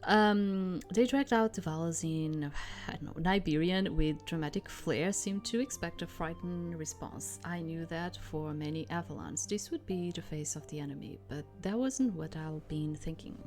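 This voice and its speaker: Lowish-voiced woman narrating a game, music behind. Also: normal speed, a little mellow. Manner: reads story expressively, breaking off to comment. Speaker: streamer reading a visual novel aloud. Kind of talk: narrated game playthrough with casual asides.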